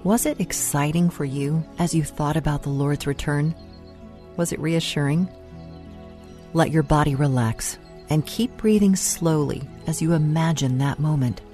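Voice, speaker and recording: A woman with a low, mellow voice guides a meditation set to music. She speaks softly, soothingly and without hurry, leaving long pauses between phrases for breathing and prayer, as a meditation host would.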